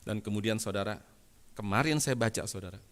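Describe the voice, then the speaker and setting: A man preaching a sermon as pastor, calling his listeners "saudara" and swinging from soft asides to loud emphatic peaks. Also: fairly low pitch, fairly quick. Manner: acts out dialogue in retold anecdotes.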